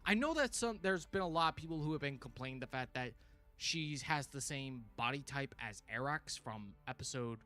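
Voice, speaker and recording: A mid-range male voice at a moderate pace hosts a livestream, reviewing a TV series with animated, exclamatory, informal fan commentary. His voice grows tired as he continues, and he clears his throat often. Faint music plays behind him.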